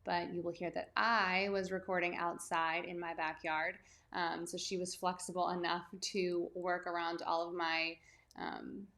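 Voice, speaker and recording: A woman's voice: on the low side, a little slow, vocal fry, fairly bright tone. Chatty woman podcast host outdoors. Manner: friendly, chatty, rambling. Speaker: podcast host, running coach. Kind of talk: casual podcast intro and interview. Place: outdoors in a backyard.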